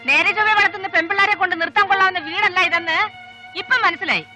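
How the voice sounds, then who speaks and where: An actress playing a proud, furious mother who scolds and throws out her son, shouting in anger. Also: very high voice, fairly even intonation, racing, over music. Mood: scornful. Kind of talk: film dialogue.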